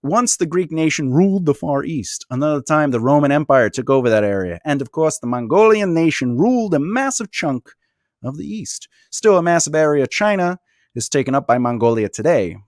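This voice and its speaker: A man hosting and moderating a roundtable talk show, joking with his guests and now and then putting on a deep radio voice. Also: expressive, moderate pace, no echo. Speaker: host and moderator. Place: small studio set with a table and backdrop.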